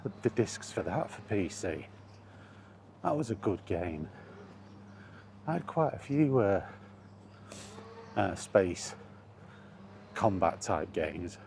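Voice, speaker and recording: Here the solo vlogger has a fairly low pitch with vocal fry and a slightly mellow quality. He strolls outdoors on streets or paths, casually musing to himself in trailing asides, while surrounding sounds make the recording noisy.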